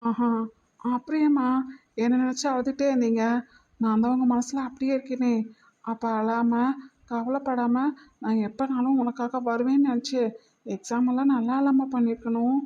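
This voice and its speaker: A woman voicing a steady young man. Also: fairly high pitch, moderate pace, long pauses, lo-fi sound, lightly acted. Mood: soothing, tender. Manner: patient, reasoning, gently scolding. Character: calm protective young man, a medical student. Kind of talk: cartoon voice acting.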